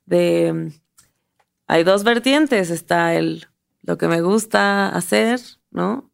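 A Mexican woman in her thirties, a comedian telling stories as a podcast guest, animated and often acting out what people said. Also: lowish voice, extremely slow, creaky, clear, resonant tone. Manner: animated storyteller, acts out quotes, laughs often. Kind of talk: casual storytelling interview.

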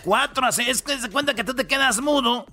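A man's voice: very high-pitched, fast talker, over a noisy crowd. A man hosting a comedic radio countdown, joking and bantering loosely in slangy talk. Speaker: radio show host.

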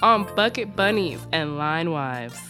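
A woman's voice: sits low, expressive, unhurried, over loud music. A woman with a Southern US accent hosting a podcast, chatting casually with joking asides and frequent laughs. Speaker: podcast host.

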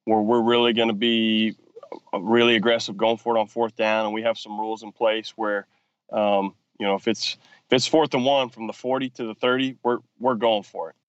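Halting football coach explaining plays. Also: male voice, lowish voice, little pitch movement, clean tone, no room sound, highs cut off. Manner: halting, many restarts and fillers, explanatory. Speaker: football offensive coordinator and quarterbacks coach, guest. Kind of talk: podcast interview.

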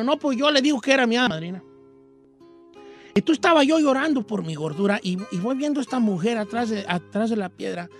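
Guy doing a high old mexican rancho dude, mexican accent, rambly funny radio storyteller. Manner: rambling, folksy, self-mocking. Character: old male Mexican rancher, folksy and comic. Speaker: radio show host.

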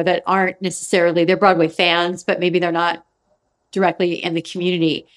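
A woman hosting an interview podcast, her voice a bit lower than most. She works through her questions thoughtfully, with pauses and restarts as she searches for the right words. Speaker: podcast host. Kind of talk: interview conversation.

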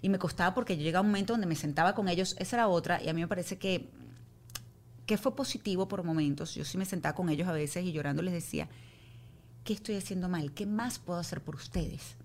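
A woman's voice: lowish voice, fast talker. A middle-aged woman speaking candidly as a guest, telling stories and acting out her own quoted lines. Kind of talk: candid conversational storytelling.

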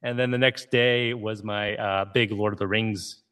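A man's voice: fairly low pitch, fairly even intonation, moderate pace, fairly bright tone, clear, resonant tone. A man in his forties from Ohio, a game creator telling his story as a guest in a conversational interview, in an easygoing way full of "you know" and "right?". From Ohio, USA.

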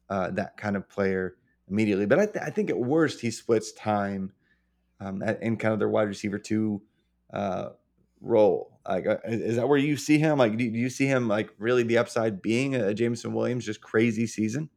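Low gravelly-voiced male podcaster. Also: fairly quick, a little mellow. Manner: gravelly, many uh fillers, thinks aloud. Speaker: podcast co-host. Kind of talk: casual sports chat.

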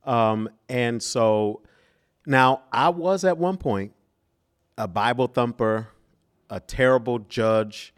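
A man, a minister, as a guest telling lively stories and acting out the voices of people in them. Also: medium pitch, slow, clean tone. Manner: animated storyteller, acts out quotes, bursts of laughter. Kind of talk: casual interview storytelling.

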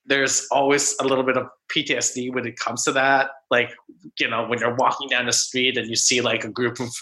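Bright-voiced man in his forties, halting. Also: mid-range voice, level tone, low-quality recording. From Philippines. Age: 40s. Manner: halting, many restarts and fillers. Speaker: guest. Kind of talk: casual conversation.

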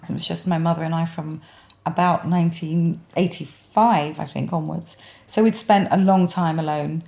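In a personal testimony interview, a woman recounts her own experience of a haunting. Her voice is low-pitched with vocal fry, fairly even intonation, a normal speed and a slightly mellow quality, and she sounds earnest and emphatic, repeating words for stress.

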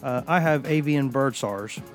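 A man hosts a casual sports podcast from a studio while he has a cold, rambling and joking through his stories. His mid-range voice is unhurried, with soft background music playing.

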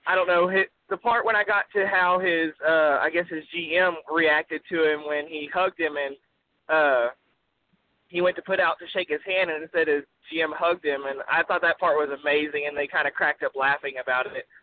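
A man's voice: on the high side, fairly even intonation, moderate pace. A polite nineteen-year-old man with a Texan accent, calling in as an interview guest and talking earnestly, sounding like he is in a wind tunnel. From Texas, USA. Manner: polite, says sir. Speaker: phone-in guest. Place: call-in from a car. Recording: tinny phone line, windy noise like wind tunnel.

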